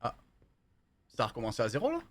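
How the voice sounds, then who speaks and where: A man's voice: mid-range voice, huge pitch swings, fast. A man giving live commentary on a horror game, jumpy, swearing and chatting with viewers. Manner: jumpy, swears, talks to chat. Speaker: streamer.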